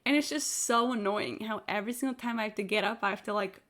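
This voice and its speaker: A woman with a medium-pitched voice talks quickly during a gaming livestream, game music audible behind her. Her casual chat is a string of rambling, blunt, sweary anecdotes, heavy on the word "like."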